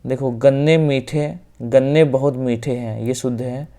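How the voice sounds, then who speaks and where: Unhurried and flat, this North Indian teacher with a Hindi accent takes exam-prep grammar questions one at a time, repeating the answers and frequently saying "ok". His medium-pitched voice is dark and mellow, and his phrases often soften away at the end.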